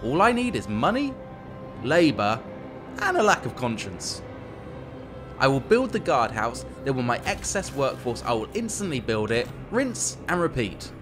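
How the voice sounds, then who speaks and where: A man plays a strategy game while giving playful, wry, tongue-in-cheek commentary in a voice-over backed by music. His mid-range voice is sing-song and unhurried.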